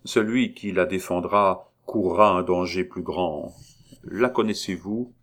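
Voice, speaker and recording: A man's voice: sits low, a bit bright. A man reading as a guilt-ridden count. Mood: grave. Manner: halting, agitated confession with restarts. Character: guilt-haunted aristocratic count, middle-aged man. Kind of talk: audiobook reading.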